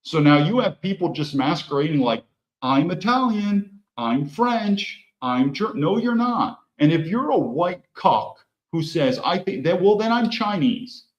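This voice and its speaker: Guy ranting on his own show, pitch jumping all over, kinda high voice, muffled roomy audio. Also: measured pace. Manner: emphatic, rhetorical questions, animated. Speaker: political show host. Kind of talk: opinionated monologue. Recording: echoey room, dull lo-fi sound.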